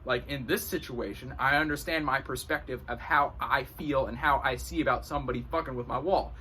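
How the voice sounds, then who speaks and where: A man's voice: mid-range voice, a little fast, sharp tone, a little hiss or hum. A man hosting an astrology video, explaining casually to camera in a rambling, slangy and profane way, recorded in a room at home. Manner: rambling, slangy and profane, full of "you know". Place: his own room at home.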